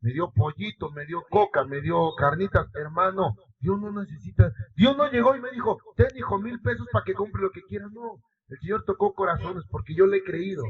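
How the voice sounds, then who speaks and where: A middle-aged man with a Mexican accent, preaching a sermon in an emotional, conversational way with sudden rises and falls in loudness. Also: sits high, normal speed, hardly any pauses, breathy edge. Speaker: lay preacher. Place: church. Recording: distant, muffled church recording.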